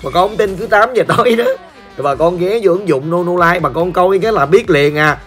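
High, bright-voiced hoarse Southern Vietnamese man. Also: fairly quick. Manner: playful, joking, talks straight to viewers. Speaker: gaming channel host. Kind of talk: chatty gameplay commentary. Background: faint background music.

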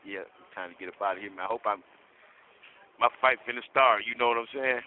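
A man's voice: medium pitch, fast talker. A man calling from prison, on a prison phone line, chatting casually in a laid-back, slangy way and laughing easily. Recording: tinny phone line with faint hiss.

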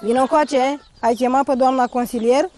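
Scolding middle-aged woman, dark voice. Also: high-pitched, steady tone, slight background noise. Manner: scolding, bossy. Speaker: mother-in-law. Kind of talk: casual rural chat. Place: farm courtyard outdoors.

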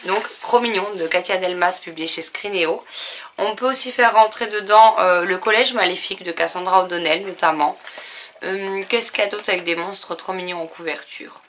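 A woman book vlogger chatting through a reading challenge list, pausing with fillers and correcting herself as she goes. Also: medium pitch, a bit bright, a little hiss or hum. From France. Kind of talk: casual book challenge presentation.

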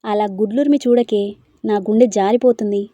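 A woman's voice: medium pitch, fairly quick, mellow, dry recording, dull audio, lightly acted. A woman reading a storybook, voicing a cheeky young man who teases playfully. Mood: teasing. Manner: playful teasing.

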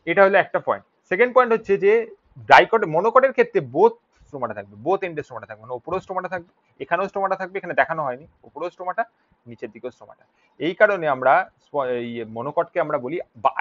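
A man teaching biology for an exam, mixing in English terms and often asking rhetorical questions and checking "clear?". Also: fairly high pitch, a bit bright. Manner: mixes Bengali with English terms. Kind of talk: exam-prep lecture. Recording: dull lo-fi recording.

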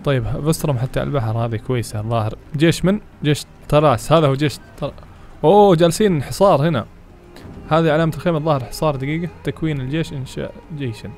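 A man giving excitable let's play commentary, chatting to his viewers and reading game text aloud as he plays. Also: a little high, rapid-fire, faint music behind. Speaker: gaming channel host.

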